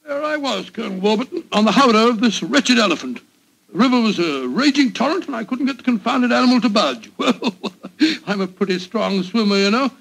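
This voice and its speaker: An actor playing a genial, pompous, bumbling English doctor with a British accent in a 1940s radio drama. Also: male voice, high-pitched, expressive, a little fast, creaky, a bit bright, full character voice. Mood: boastful. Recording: noisy 1940s radio recording.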